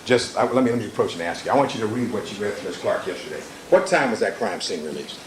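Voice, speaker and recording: A man's voice: fairly low pitch, lively intonation, quick pace, a little hiss or hum, low-quality recording. A man cross-examining a witness as an attorney in a courtroom recording, pressing with repeated leading questions.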